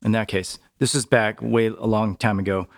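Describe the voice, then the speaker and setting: Relaxed and talkative, this podcast guest has a lowish voice and runs a business. Throughout the casual interview he tends to finish sentences with "right?" as a quick check-in.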